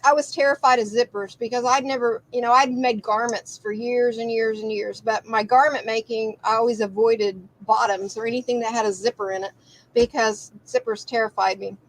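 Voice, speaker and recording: A woman's voice: fairly high pitch, steady tone, brisk, rough recording. A woman hosting a live quilt shop broadcast, chatting casually and rambling with restarts. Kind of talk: casual live-stream chat.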